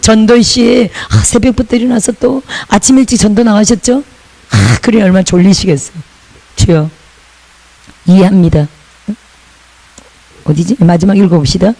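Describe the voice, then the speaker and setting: A woman pastor from Busan preaches. She talks in a chatty way, with laughing asides, and has the congregation repeat lines after her. Her voice sits at a middle pitch. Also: steady tone, normal speed, dark tone, poor audio. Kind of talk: sermon.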